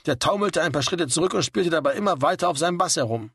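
A man reading a story aloud in a steady, wry narrating manner. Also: fairly high pitch, fast, breathy edge, no room sound, studio quality. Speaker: audiobook reader. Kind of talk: scripted narration.

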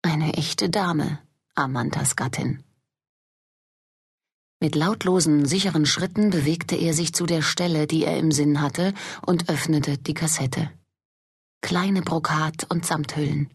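A woman narrates a fantasy audiobook in a deep, husky voice. Her reading is measured and steady, with the pacing of scripted storytelling.

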